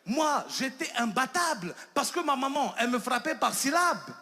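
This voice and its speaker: Ivorian comedian, high animated stage voice. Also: male voice, moderate pace. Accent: Ivorian French. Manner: animated storytelling, acts out characters. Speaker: stand-up comedian. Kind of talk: stand-up comedy set. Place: stage with live audience.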